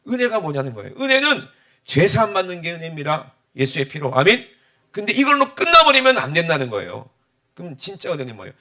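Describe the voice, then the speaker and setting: Animated high-voiced preacher. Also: male voice, quick pace. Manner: emphatic preaching, often asks the congregation for an amen. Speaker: pastor. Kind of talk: sermon.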